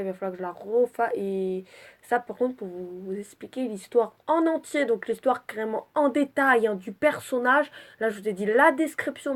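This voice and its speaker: Woman vlogging about her drawings, highish voice, scattered and sweary, stuffed up from a cold. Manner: chatty and scattered, swears freely. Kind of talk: casual rambling vlog.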